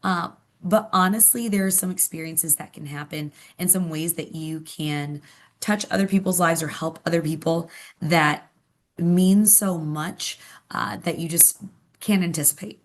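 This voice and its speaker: A woman from Ohio with a Midwestern accent, a nurse chatting casually in a webinar and often correcting herself as she goes. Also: on the low side. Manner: chatty, with quick self-corrections.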